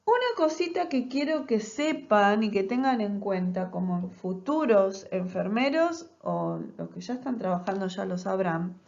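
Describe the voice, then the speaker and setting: A woman's voice: a little high, darkish tone, highs cut off. A woman teaching a recorded nursing class, explaining step by step and often checking in with rhetorical questions. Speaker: nursing lecturer.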